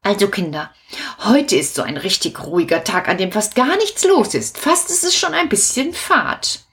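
A woman's voice: mid-range voice, lively intonation, moderate pace, a bit bright. A woman voicing a cheerful male puppet jester in a children's puppet show, talking directly to the children. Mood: chatty. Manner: addressing the audience of children directly.

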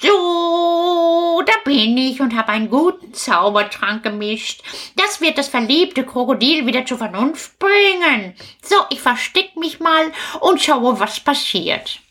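Woman doing a brisk high-voiced friendly witch. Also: animated, a bit bright, exaggerated voice. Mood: sly. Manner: brisk, reassuring. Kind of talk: children's puppet show.

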